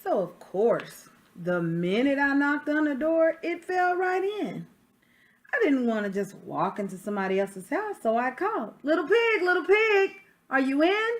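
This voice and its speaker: A woman's voice: sits high, big pitch swings, measured pace, pitched above the performer's own voice. A woman voicing an indignant, self-justifying wolf who tells his side of a storybook tale in a folksy, emphatic way. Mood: storytelling, exasperated. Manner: folksy, emphatic, protesting innocence. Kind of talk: storybook read-aloud.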